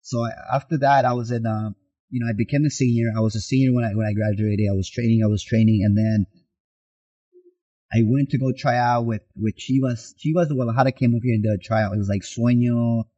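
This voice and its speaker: A man's voice: medium pitch, brisk, slightly rough, muffled recording. A man from Mexico, a soccer coach and podcast guest, telling his life story in conversation and acting out the dialogue he remembers. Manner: animated retelling that acts out quoted dialogue.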